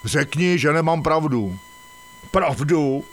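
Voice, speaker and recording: A man voicing a bossy, sharp-tongued female dung beetle in an audio fairy tale, scolding her husband. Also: on the high side.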